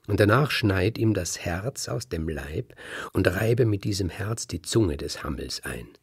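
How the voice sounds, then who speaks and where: A man voicing a talking sheep who is a gentle old grandmother, speaking in a hushed, slow, earnest way. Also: sits low, lively intonation, breathy edge, no room sound, clean studio sound, full character voice.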